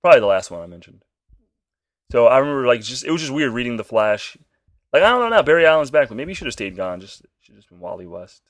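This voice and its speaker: A man talks casually with a co-host, animated and a bit crude. His pitch swings a lot from line to line. The recording is dry and close. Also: fast, no echo. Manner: animated, swears freely, puts on silly quoted voices. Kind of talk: casual chat about comic book shows.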